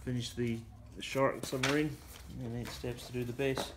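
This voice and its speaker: In a cluttered toy room, a man with a medium-pitched, flat voice casually shows off and reviews a vintage building set. He rambles at an unhurried pace, dropping in frequent fillers, and it's captured as a noisy home video.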